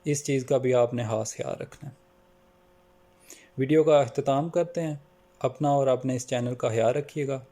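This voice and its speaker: A man giving a calm pronunciation lesson, slowing down to spell out example words. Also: mid-range voice. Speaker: language teacher.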